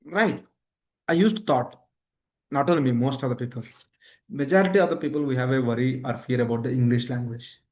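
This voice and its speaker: A male instructor in his thirties, a native Kannada speaker with a South Indian accent, teaches a live online class with a screen demonstration. He repeats points often and keeps checking in with questions. His voice is medium-pitched and brisk, and the audio sounds dull.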